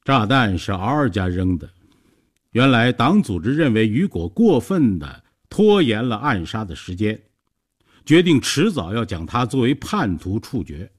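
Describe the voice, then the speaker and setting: Reading a story from a script, a man keeps a measured pace with a slightly husky tone. He seems to be in a studio, and his pitch moves in big swings up and down within each sentence.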